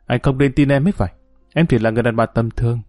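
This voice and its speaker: A man's voice: mid-range voice, fairly even intonation, racing, darkish tone, no echo, studio quality, faint music behind, close to an everyday voice. A man reading as a bitter, heartbroken young woman. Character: hurt, bitter young woman, former wife.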